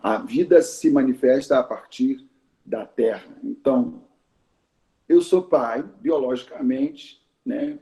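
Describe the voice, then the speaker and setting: A man with a Brazilian Portuguese accent teaching in a conversational lecture, explaining slowly and repeating key words, often adding "né?". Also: medium pitch, dark tone. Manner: slow, explanatory, repeats and spells out words, frequent "né?". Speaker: Yoruba culture teacher and Awo Olorixá. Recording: dull roomy recording.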